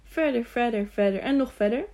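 A woman's voice: on the high side, a little fast, darkish tone, lightly acted. Woman putting on an eager childlike young fool. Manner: repetitive, pleading questions. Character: simple-minded young man, childlike, lonely and eager.

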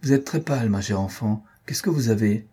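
A man reading an audiobook, voicing a stern, sharp-tongued old dowager countess in a tart, dismissive manner. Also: fairly low pitch, a little fast, breathy edge. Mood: weary.

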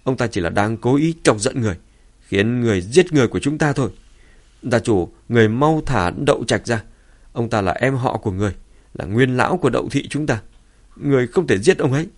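A man's voice: medium pitch, lively intonation, a little fast, pitched above the performer's own voice. Storybook warrior, voiced by a man: loyal, hot-tempered, raised and pleading. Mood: angry pleading. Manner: shouting, pleading. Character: angry loyal male clan elder.

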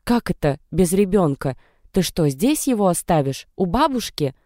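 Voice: medium pitch, big pitch swings, moderate pace, warm tone, no echo, clean studio sound, voice pushed up, lightly acted. Narrator voicing a sensible young woman friend. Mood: bewildered. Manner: earnest, reasoning, reproachful. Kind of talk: audiobook character reading.

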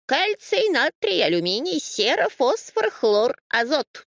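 A woman voicing an odd, know-it-all female sheep in a storybook reading, with slow, rambling pronouncements. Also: sits high, huge pitch swings, no echo, clean studio sound, pitched above the performer's own voice, heavily acted. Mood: dreamy.

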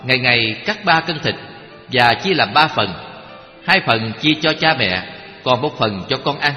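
A man's voice: mid-range voice, animated, unhurried, sharp tone. Solemn man reading a Buddhist story. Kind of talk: recited scripture story. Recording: echoey hall with faint music.

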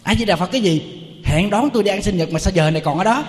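A man voicing an angry young woman on the phone who yells at him. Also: sits high, lively intonation, quick pace, in a large hall, voice pushed up. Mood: indignant.

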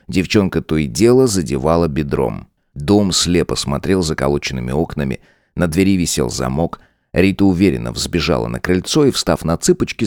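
A male audiobook narrator with a very low voice that rises and falls widely. He reads in a dramatic, expressive way. The recording is dry and close. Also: no echo. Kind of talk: scripted narration.

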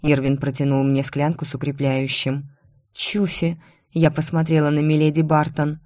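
A woman narrating a first-person fantasy audiobook in an expressive, dramatic reading. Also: deep voice, moderate pace, no room sound, clean studio sound.

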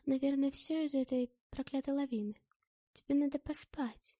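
A woman's voice: high-pitched, steady tone, moderate pace, dark tone, dry recording, studio quality, pitched above the performer's own voice, natural voice. A woman voicing a sly, dangerous young woman who coaxes sweetly and then shrieks in fury, in an audiobook. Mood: falsely tender. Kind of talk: audiobook character voice.

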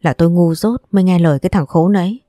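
A hot-tempered aunt in a storybook, vehement and full of curses, as a woman narrator puts her on. The voice is low and dark, and the recording is dry. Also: quick pace, no room sound, natural voice. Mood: furious. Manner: cursing, vehement. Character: fiery aunt, furious and guilt-ridden.

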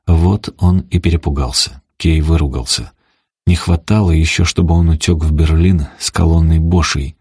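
Low husky male audiobook narrator. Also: moderate pace, dry recording, studio quality. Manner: steady dramatic storytelling. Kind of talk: audiobook reading.

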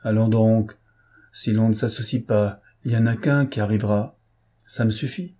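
A man's voice: on the low side, fairly even intonation, normal speed, dark tone, natural voice. A man voicing a menacing, brutal baron who presses his rival with threats. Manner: threatening, insistent.

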